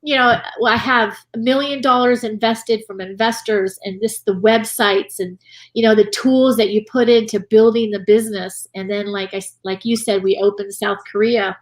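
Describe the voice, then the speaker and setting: A middle-aged woman, a guest in a casual interview, telling her business story in an animated way and often checking in with "right?". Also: fairly high pitch, moderate pace. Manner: animated, tags lines with "right?" and "you know".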